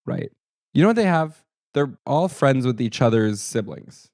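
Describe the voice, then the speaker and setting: Podcast co-host, mid-pitched, dry close mic, wry backchannel sidekick. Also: sing-song, normal speed, darkish tone, no echo. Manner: frequent mm-hmm backchannels, wry asides. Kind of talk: casual chat.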